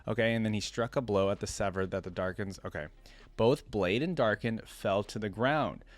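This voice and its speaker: This man, whose pitch is fairly low, hosts a reaction video at a normal pace, moving from reading text aloud to casual, wandering remarks as he thinks. Faint music plays behind him.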